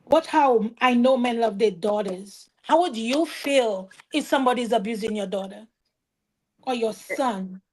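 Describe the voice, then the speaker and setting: A woman's voice: a little high, measured pace, a little mellow. A woman on a live-streamed roundtable, speaking emphatically and defiantly about her own experiences. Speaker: panelist, domestic violence survivor. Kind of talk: roundtable discussion.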